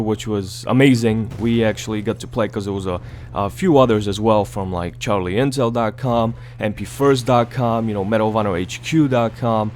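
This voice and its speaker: A man's voice: fairly low pitch, a little hiss or hum. Groggy man giving casual game commentary. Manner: rambling, repeats words, swears casually. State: groggy morning voice. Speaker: gaming YouTuber.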